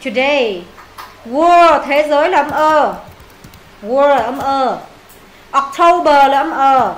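A woman teacher with a Vietnamese accent, briskly drilling English vocabulary and pronunciation and repeating words for her students. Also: sits high, animated, roomy sound, rough recording.

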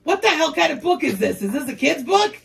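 A middle-aged man, a sassy drag queen co-host trading exclamatory comic banter in a gravelly, raspy voice. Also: extremely high pitch, big pitch swings, fairly quick, a bit bright.

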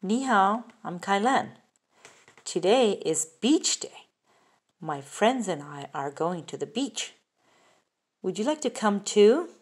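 Slow woman reading a kids' book aloud. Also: mid-range voice, very animated, husky. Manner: slow, careful, sing-song with questions to the child. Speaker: reader. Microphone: phone filming the book up close.

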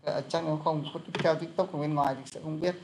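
Một người đàn ông dạy tiếng Anh, giảng giải kiểu trò chuyện thân mật với nhiều từ đệm. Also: male voice, on the high side, steady tone, fast talker, gravelly, noisy background. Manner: chatty explaining, many fillers. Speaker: English teacher. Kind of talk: casual online lesson.

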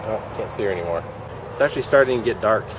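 Outdoors in a shopping center parking lot, a low-voiced vlogger mutters wry, dry commentary into a handheld camera at arm's length, rambling in an animated, rapid-fire way. Traffic noise and outdoor ambience fill the background.

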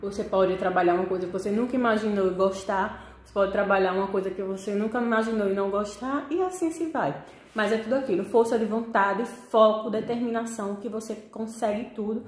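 With a brisk pace and a mid-range voice, a young vlogger from Pernambuco, Northeast Brazil, speaks casually and expressively to the camera in her Northeastern accent. She's in a small living room with a desk, and the room sounds echoey.

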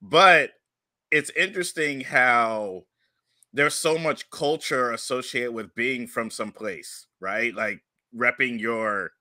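A middle-aged man from Pennsylvania, hosting a podcast in a relaxed, chatty way with many fillers, on a studio mic. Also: medium pitch, takes it slowly, dry recording. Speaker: podcast host and comedian. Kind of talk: casual podcast chat. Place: home studio room with posters. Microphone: studio mic on a boom arm with headphones.

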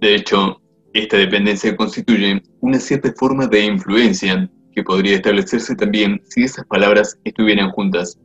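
A man reads a grammar textbook aloud at a measured, explanatory pace. His voice sits on the low side. The recording is muffled and lo-fi, with faint music under it. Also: fairly even intonation, fairly bright tone. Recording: dull lo-fi audio with faint music.

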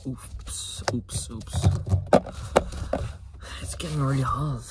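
Male, twenties, non-native English speaker: slow, soft, casual ASMR car ramble over heavy clicking and handling noise. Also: mid-range voice, steady tone. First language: not English. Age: 20s. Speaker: ASMR video creator. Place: inside a parked car with engine off. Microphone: close to camera behind steering wheel. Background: loud clicking and tapping.

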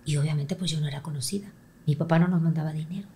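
Lively Mexican woman telling stories. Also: low voice, very fast. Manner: animated, acts out quoted voices. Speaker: guest. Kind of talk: storytelling in a conversational interview.

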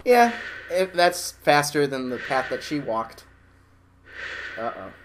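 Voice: mid-range voice, sing-song, a little slow, a little hiss or hum. A wry, sarcastic let's play host giving casual reaction commentary over a video game.

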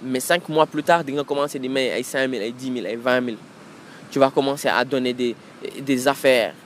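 Speaking briskly at medium pitch over a faint hiss or hum, a male podcast host muses in a relaxed solo monologue. His talk blends Wolof with English, with frequent restarts and repeated words.

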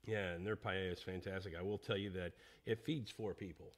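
Laid back texas guy cohosting a podcast, lowish voice, restarts a lot. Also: fairly even intonation, fairly quick. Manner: easygoing, rambling with restarts. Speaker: podcast co-host. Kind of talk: casual chat.

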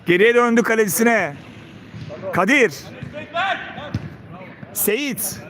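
Slow-paced, high-voiced male football commentator. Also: animated. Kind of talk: live play-by-play commentary, short name calls. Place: outdoors beside a football pitch. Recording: outdoor pitch with players and crowd behind.

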